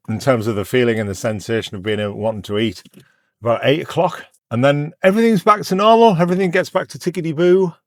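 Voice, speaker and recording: A man's voice: mid-range voice, no echo, clean studio sound. A middle-aged British man chatting casually and candidly to his phone in a car, rambling a little, his speech slightly off from a numbed mouth. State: mouth numb from dental anesthetic, talking slightly funny. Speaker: YouTube vlogger. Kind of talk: casual car chat to camera. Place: inside a car. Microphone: phone in windscreen holder.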